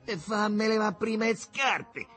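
A man's voice: sits high, unhurried, fairly bright tone, soft background music, pitched above the performer's own voice. A man doing a cheeky Roman street boy. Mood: teasing. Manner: teasing dialect quips.

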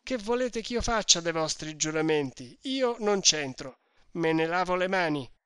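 A man's voice: fairly high pitch, unhurried, bright, forceful tone, dry recording, studio quality. A man voicing a pompous, evasive middle-aged lawyer who lectures and blusters in a storybook reading. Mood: blustering.

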